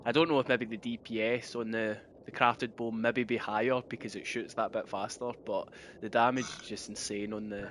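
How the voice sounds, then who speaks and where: A man's voice: on the low side, fairly even intonation, normal speed, few pauses, a bit bright. Rambling man on a headset. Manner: rambling, with constant "you know what I mean". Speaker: gamer chatting during play. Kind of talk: casual chat. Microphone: gaming headset. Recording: noisy headset chat recording.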